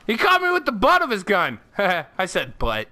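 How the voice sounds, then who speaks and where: A man giving profane, excitable gameplay commentary, shouting at the game and laughing often. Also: sits high, normal speed. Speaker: gaming channel host.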